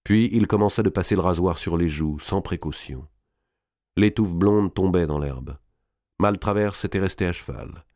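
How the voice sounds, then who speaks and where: A man reading a historical novel aloud in a measured, even storytelling manner. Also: low voice, no echo, studio quality. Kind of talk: audiobook narration.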